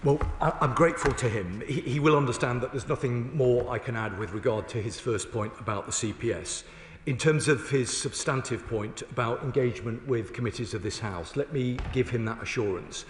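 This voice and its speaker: A man speaking as a government minister in a formal parliamentary debate, with a combative, emphatic and deliberate rhetorical delivery. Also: medium pitch. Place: large indoor parliamentary chamber. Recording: echoey, reverberant large chamber.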